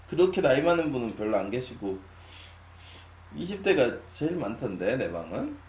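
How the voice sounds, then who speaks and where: A man of twenty-nine chatting casually with his stream viewers, musing with long sighs and drifting between loud and quiet. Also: mid-range voice, very animated, unhurried. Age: 20s. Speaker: live streamer. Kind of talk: casual late-night chat with viewers. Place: small room at a desk. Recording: echoey room, faint hum.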